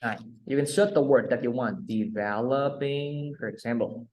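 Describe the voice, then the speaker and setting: Male English tutor, video call, patient, drills words slowly. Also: mid-range voice, darkish tone. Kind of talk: one-on-one online lesson.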